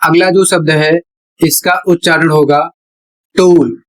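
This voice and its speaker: A male teacher explaining pronunciation rules at a board in a deliberate way, repeating each step. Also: a little high, fairly even intonation, low-quality recording. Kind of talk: slow classroom explanation at a board.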